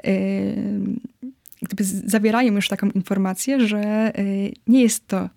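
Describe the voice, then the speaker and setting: A woman's voice: medium pitch, fairly even intonation, unhurried, dark tone, no echo. Earnest woman guest, dry close sound. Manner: earnest, frequent hesitation fillers. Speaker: guest expert. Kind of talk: explanatory interview answers.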